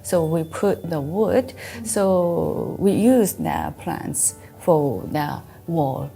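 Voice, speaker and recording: A woman interpreting, speaking halting English with many fillers. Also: sits low, big pitch swings, vocal fry, mellow, soft background music. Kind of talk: interpreting in casual chat.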